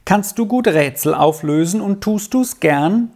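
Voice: medium pitch, lively intonation, unhurried, darkish tone, pitched above the performer's own voice. A reader voicing an earnest, somewhat proud boy in a storybook reading, who reproves his little brother indignantly.

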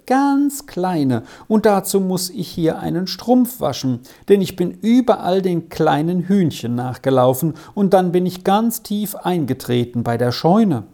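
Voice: medium pitch, mellow, voice pushed up. A storybook reader voicing Kätheli, a busy farm girl who chatters in a self-important way.

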